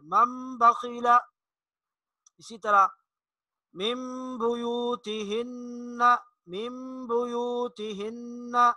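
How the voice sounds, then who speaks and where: A man teaching correct Quran pronunciation in a slow explanatory lesson, drawling each example word and repeating it. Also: high voice, sharp tone, dry recording. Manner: drawls example words slowly and repeats them.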